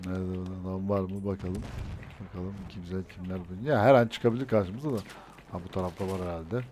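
A man's voice: low-pitched, steady tone, fairly quick, darkish tone, a little hiss or hum. Man muttering game commentary. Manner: muttering to himself, bursting into frustrated swearing outbursts. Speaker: gameplay streamer. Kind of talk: casual gameplay commentary. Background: gunfire from the game.

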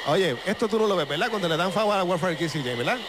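A male wrestling commentator with a Puerto Rican accent delivers excited play-by-play in a raised, high voice. His manner is showy, addressing viewers and his partner, with clear arena noise around him. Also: fast talker. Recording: noisy arena broadcast. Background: arena ambience.

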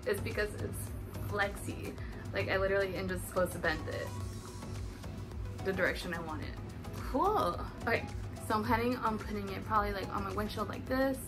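A young woman in her twenties chatting through a casual unboxing vlog, upbeat and thinking aloud, filmed by a camera in front of her in a living room. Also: medium pitch. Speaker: vlogger. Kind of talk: casual product haul vlog. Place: living room at home, indoors. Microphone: camera in front at table distance.

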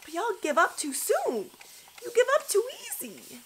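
In this hair tutorial, a beauty vlogger in her thirties addresses the camera with upbeat, chatty encouragement for her viewers. The setting is a small indoor studio with a grey backdrop. Her voice is extremely high, swings hugely in pitch, and moves at a normal speed.

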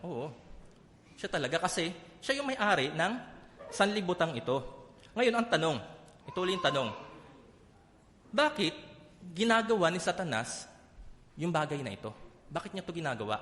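A man's voice: on the high side, a bit bright. Man giving a Bible talk in a reverberant hall. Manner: asks the audience rhetorical questions, often tagging "di ba?". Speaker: public talk speaker.

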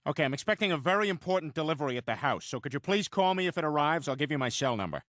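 A bossy, stammering cartoon dad in a sitcom, with a high, bright voice that swings all over. The sound is dry and close. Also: male voice, animated, rapid-fire, no echo. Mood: cheerful. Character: loud goofy middle-aged cartoon family dad. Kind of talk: animated sitcom dialogue.

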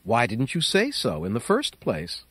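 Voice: mid-range voice, wildly swooping pitch, unhurried, fairly bright tone, husky, no echo, full character voice. A storyteller voicing a cheerful, obliging cricket, with music behind.

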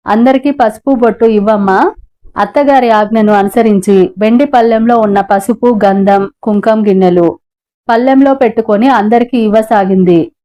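A woman narrates a novel for an audiobook, her voice pitched a little high with a mellow, warm tone. She reads the story steadily and slips the characters' dialogue into the narration. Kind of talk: reading a novel aloud.

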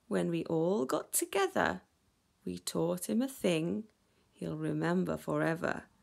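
A woman's voice: on the low side, lively intonation, a little slow, gravelly, darkish tone, exaggerated voice. A woman voicing a cheerful, clever squid in a picture-book story, with a gleeful delivery. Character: cheerful clever sea squid, pleased with itself.

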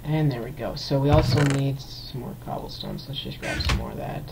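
A man's voice: mid-range voice, a little fast, gravelly, very noisy. A man hosting a gameplay video, giving casual let's-play commentary in a rambling way, full of fillers and restarted sentences, into a desktop computer mic.

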